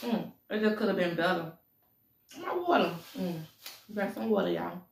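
A woman's voice: lowish voice, lively intonation, normal speed, vocal fry, recorded from a distance, slight background noise. A woman vlogger chatting casually while eating, laughing often and humming between bites. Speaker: mukbang vlogger. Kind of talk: casual eating vlog chat. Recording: echoey room, voice a bit off-mic.

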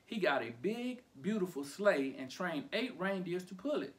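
A man reading a children's picture book aloud for storytime, playful and animated. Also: sits high, normal speed.

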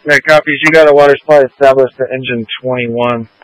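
A man's voice: medium pitch, fairly even intonation, fast, no echo, poor audio. A man working as fire incident commander, giving terse radio orders over a two-way radio. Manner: terse, directive.

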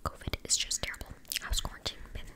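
A young woman doing ASMR in a soft, breathy whisper, chatting casually close to the microphone, with tingly mouth sounds and repeated words. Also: fast talker. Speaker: ASMR creator. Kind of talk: whispered ASMR, casual one-sided chat. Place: small indoor room. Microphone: close desktop condenser microphone.

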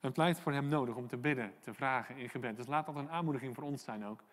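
A man preaching a sermon as pastor, earnest and encouraging, pausing often with "eh" and "ehm" and reading out prayers from the psalm. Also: medium pitch, long reverb tail. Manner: earnest, encouraging, many hesitations and quoted prayers. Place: church hall.

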